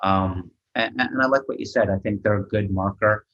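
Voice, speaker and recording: Animated low-voiced man on a muffled line. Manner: animated, talks in quick bursts with fillers. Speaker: podcast co-host and soccer analyst. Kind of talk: casual sports podcast chat.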